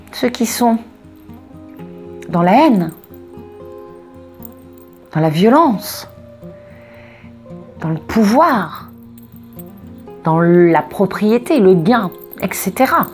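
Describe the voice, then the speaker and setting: A woman reading oracle cards and giving spiritual guidance in a casual, expressive way, wandering off into asides and repeating words for emphasis. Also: medium pitch, slow, long pauses, faint music behind. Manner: expressive, digressive, emphatic repetitions. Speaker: oracle card reader.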